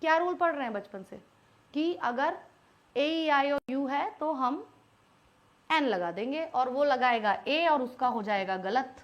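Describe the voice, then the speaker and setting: A woman with an Indian accent, her voice high and bright, teaches an online English class. She walks through each point step by step and keeps putting questions to her students. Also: unhurried, lo-fi sound. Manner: explains step by step, quizzing students with frequent questions.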